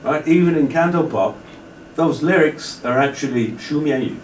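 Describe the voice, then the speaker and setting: In a lecture hall, a man with a slightly high voice answers an audience question at length, rambling at a moderate pace with many restarts and "you know". The mic is far away, so the audio sounds roomy and carries slight background noise.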